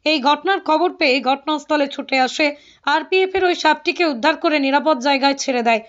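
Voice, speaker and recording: A woman reading a scripted news voice-over in a steady, formal manner. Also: high voice, fast talker, dull audio. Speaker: news reporter.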